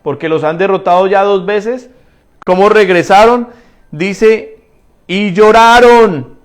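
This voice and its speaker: With faint music behind him, a pastor preaches in a high-pitched voice at a measured pace. He addresses the congregation directly, answering his own rhetorical questions and repeating phrases to stress them.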